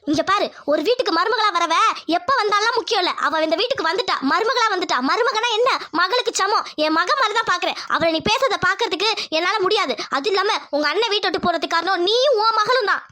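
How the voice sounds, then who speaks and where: A woman's voice: very high voice, quick pace, pushed and bright. A woman voicing a firm village mother-in-law. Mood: stern. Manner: scolding, dramatic village serial delivery. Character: caring middle-aged village mother-in-law, firm and protective. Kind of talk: Tamil cartoon family drama.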